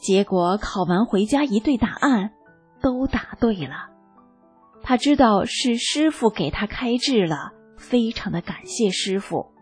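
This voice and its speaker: A woman narrates a personal testimony slowly and deliberately, her voice strongly husky and breathy. She keeps an even, calm reading tone throughout, with faint music playing softly underneath. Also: mid-range voice. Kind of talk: scripted narration. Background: faint background music.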